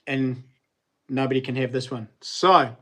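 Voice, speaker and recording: A man's voice: medium pitch, steady tone, measured pace, pushed and bright. A man with a broad New Zealand accent hosting a casual live chat, talking to viewers in matey Kiwi slang. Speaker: live stream host.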